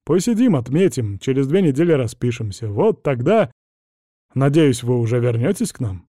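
A man's voice: medium pitch, very animated, normal speed, breathy edge, no room sound, clean studio sound. A man voicing a cheerful, bashful middle-aged male neighbor in an audiobook. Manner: warm, homely, chatty.

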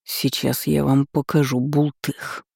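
A man voicing a curt, sarcastic dark magister in a fantasy audiobook. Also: medium pitch, steady tone, moderate pace, vocal fry, no room sound, clean studio sound, natural voice. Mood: gruff. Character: gruff grim male dark magister.

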